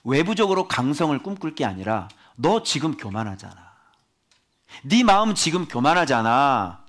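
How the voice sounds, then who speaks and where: A man's voice: a little high, very animated, normal speed, a bit bright, voice pushed down. A man putting on the voice of God rebuking a proud believer, firm and pointed. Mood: stern rebuke. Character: stern fatherly God scolding a proud believer.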